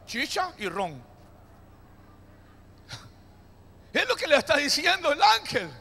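Bright high-voiced preaching man, hall echo. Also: huge pitch swings, slow, gravelly, a little hiss or hum. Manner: preaching with call-and-response to the congregation; jokey, playful asides. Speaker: pastor. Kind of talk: sermon. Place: church hall. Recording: long hall reverb.

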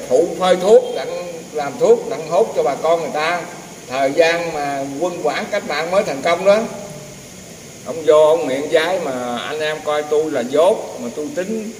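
An older man, a temple herbal healer, casually telling rambling, folksy stories and acting out the dialogue of others. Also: a little high. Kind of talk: casual storytelling. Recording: echoey, distant, roomy with faint noise.

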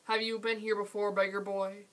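A woman reading aloud, voicing an angry old male potter who shouts and questions sternly. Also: mid-range voice, flat delivery, moderate pace, close to an everyday voice, poor audio.

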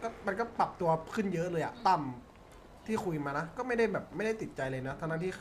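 Fast-talking man laying down terms. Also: high-pitched, animated, slight background noise. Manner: firm, quick-talking negotiator. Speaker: gang member in a role-play server. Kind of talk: in-character role-play chat.

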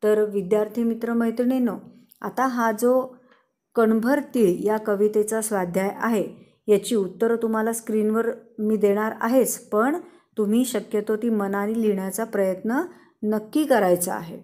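A woman teacher, patiently explaining a lesson to children and repeating instructions slowly. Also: medium pitch, fairly even intonation, a little mellow. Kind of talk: online class lesson for children.

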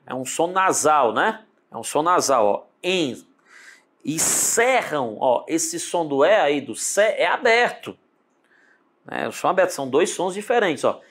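A man with a Brazilian Portuguese accent teaching an online exam-prep lesson, speaking straight to the student and drawing words out slowly as he breaks them down. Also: fairly high pitch. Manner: animated, talks to the student directly with lots of tag questions; drawls words out slowly when spelling them.

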